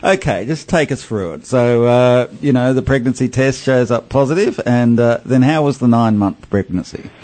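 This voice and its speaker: A man's voice: medium pitch, normal speed, hardly any pauses, darkish tone. Radio host man, brief prompting questions. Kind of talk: radio interview.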